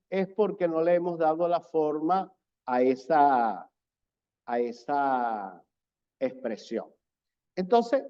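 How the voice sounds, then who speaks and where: A man's voice: a little high, warm tone. A man teaching public speaking in an online presentation, stressing points by repeating them. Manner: slow, deliberate delivery with repeated emphasis. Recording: slightly dull, lo-fi audio.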